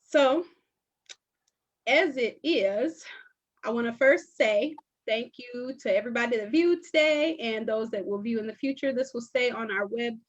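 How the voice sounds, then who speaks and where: A woman's voice: a little high, a little slow. Woman host chatting, lo-fi sound. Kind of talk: casual chat.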